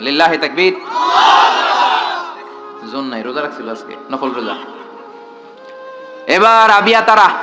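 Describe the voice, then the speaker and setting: Under a tent, a man preaches to a large crowd in a medium-pitched voice, throwing rhetorical questions at them and calling for responses.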